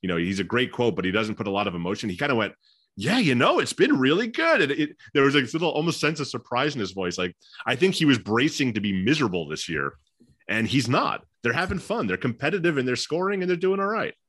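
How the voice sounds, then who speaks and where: A man co-hosting a casual hockey podcast, telling stories quickly and animatedly and slipping into quoted voices. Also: mid-range voice, sing-song, fairly bright tone, husky, dry recording, clean studio sound. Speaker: hockey beat reporter and podcast co-host. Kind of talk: casual sports chat.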